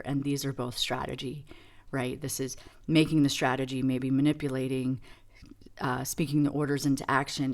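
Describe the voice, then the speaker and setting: A woman giving a casual tarot reading demo, reflective and rambling with many fillers. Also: extremely low pitch. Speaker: tarot reader.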